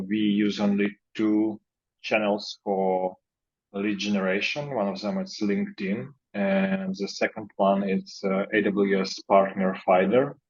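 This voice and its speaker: A startup CEO, a man, introducing himself on a video call in a measured way. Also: low-pitched, slightly rough. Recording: dull lo-fi call audio.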